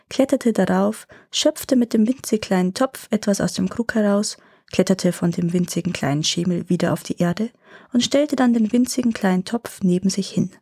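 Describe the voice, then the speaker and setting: A woman storyteller reading a fairy tale aloud in gentle, measured narration. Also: medium pitch, slightly rough, no echo, studio quality.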